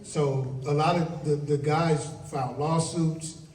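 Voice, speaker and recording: Mellow-voiced man moderating in an echoey hall. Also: fairly high pitch, steady tone, slow pace. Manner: emotional, direct to the audience. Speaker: event host and fellow speaker. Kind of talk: public talk and Q&A. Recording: distant roomy live recording with faint noise.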